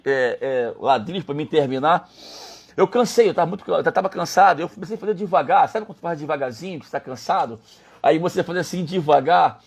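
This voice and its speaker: A man, a pastor, telling a personal story in a sermon with animated, stammering delivery. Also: fairly high pitch, creaky. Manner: animated storytelling, stammering restarts, laughing at himself. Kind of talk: sermon testimony.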